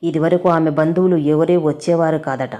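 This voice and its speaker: Low, mellow-voiced woman storyteller. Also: fairly even intonation, moderate pace. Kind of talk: narrating a family story.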